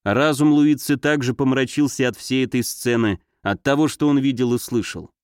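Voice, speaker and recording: A man narrating a novel in a measured, steady reading. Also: medium pitch, clean tone, dry recording, clean studio sound. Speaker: audiobook narrator.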